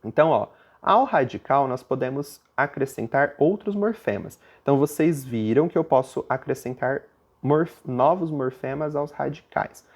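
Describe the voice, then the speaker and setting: A Brazilian-accented male teacher talks through a grammar lesson at a mid pitch. He explains patiently, step by step, and keeps pausing to make sure his students are following him. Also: expressive. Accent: Brazilian Portuguese. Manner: explanatory, often asks listeners to confirm they follow; puts on a student's objection in a higher voice.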